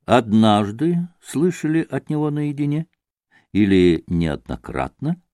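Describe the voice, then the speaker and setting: A man voicing a methodical prosecutor in an audiobook drama, questioning in a measured, formal manner. The pitch moves freely, and the studio sound is dry. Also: sing-song, dark tone, no echo. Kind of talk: audiobook character reading.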